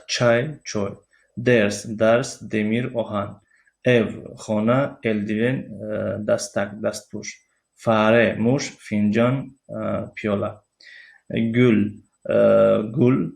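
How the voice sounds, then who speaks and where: Gravelly Tajik-accented male language teacher. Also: lowish voice. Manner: explains slowly with many pauses and fillers, spells out letters. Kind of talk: recorded video lesson.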